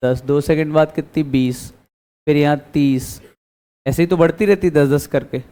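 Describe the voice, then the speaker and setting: A man lectures on physics in a classroom with a somewhat high, warm voice, speaking a little slowly. He keeps quizzing the students, then answering those questions on his own.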